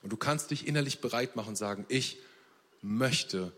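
A man preaching a sermon at a church service, earnest, moving between soft and emphatic delivery. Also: medium pitch, very fast. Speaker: pastor. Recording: long reverb of a church hall.

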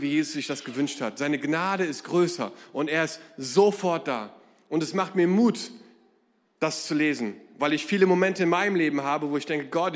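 High-voiced man preaching in an echoing hall. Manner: lively, humorous, conversational preaching. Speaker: pastor. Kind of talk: sermon.

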